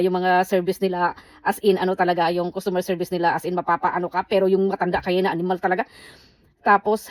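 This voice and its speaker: Woman, casual storytime vlog, rapid delivery, dry close sound. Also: mid-range voice, no echo. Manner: animated storytelling, acting out quoted dialogue. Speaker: vlogger. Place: indoors, under a blanket.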